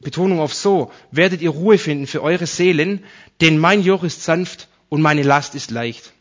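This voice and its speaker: Preacher man, fairly high voice. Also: moderate pace, muffled recording. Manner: conversational, explaining Bible verses to the congregation. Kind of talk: sermon.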